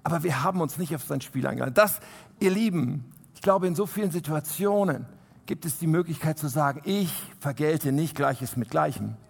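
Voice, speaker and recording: A man preaching a sermon to a congregation. He is animated, swinging from loud emphasis to soft, quiet asides. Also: a little high, brisk, gravelly, slightly rough. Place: church hall. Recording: long hall reverb.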